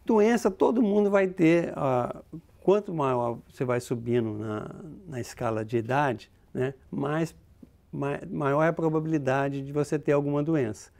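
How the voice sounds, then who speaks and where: Gravelly and darkish in tone, his fairly high-pitched voice moves unhurriedly. He is a Brazilian demographer explaining concepts in an interview, hesitating often and leaning on fillers and restarts.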